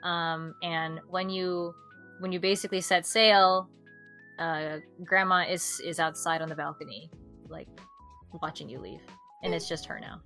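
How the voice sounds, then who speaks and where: A woman streamer telling a game's story in a casual chat, animated and full of fillers. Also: lowish voice, measured pace, faint music behind.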